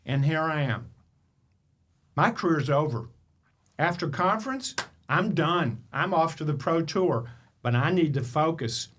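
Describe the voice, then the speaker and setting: A man's voice: on the high side, lively intonation, measured pace, fairly bright tone, slight background noise. A man hosting a motivational podcast, telling a personal story with emphatic rhetorical questions. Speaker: podcast host.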